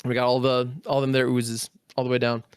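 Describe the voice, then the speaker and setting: A man talking through his turn at a card game, counting out loud and dropping little sound-effect words as he plays. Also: medium pitch, monotone, brisk, clean tone, dry recording, clean studio sound. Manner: methodical, counts aloud, sound-effect interjections. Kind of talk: casual play-by-play of his own turn.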